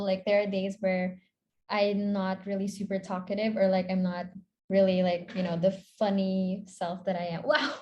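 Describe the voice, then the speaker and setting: A woman's voice: medium pitch, darkish tone, lo-fi sound. A young woman from the Philippines in her twenties, a content creator chatting casually and giggling as a podcast guest, with a rambling, filler-heavy way of talking.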